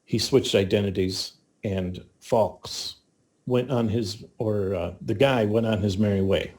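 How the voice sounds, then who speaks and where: A man's voice: on the low side, measured pace, a little mellow. A man running a tabletop game as game master, giving dry, matter-of-fact rulings.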